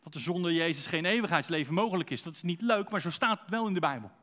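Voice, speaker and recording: A man delivering a sermon in a relaxed, conversational way, often turning to the congregation with direct questions. His voice sits a little high for a man, and he keeps an easy, talkative delivery. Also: fast. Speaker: preacher.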